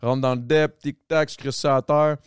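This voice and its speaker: A man's voice: medium pitch, fairly even intonation, smooth, no room sound, studio quality. A young Québécois man with a Québécois accent, telling stories in a loose, slangy, casual podcast chat. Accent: Québécois French. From Quebec. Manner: storytelling, loose and slangy, quick laughs.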